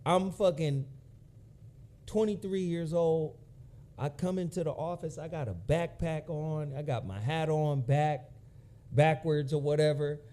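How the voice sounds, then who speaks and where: A man in his forties hosting a casual chat, telling profane, animated stories and mimicking people. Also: fairly high pitch, unhurried. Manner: animated, profane, acts out quoted voices. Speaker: podcast host.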